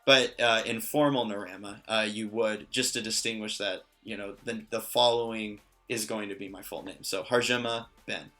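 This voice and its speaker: A man teaching a language lesson in a relaxed way, with many fillers and joking asides. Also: on the low side, normal speed, hardly any pauses, faint music behind. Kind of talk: casual lesson.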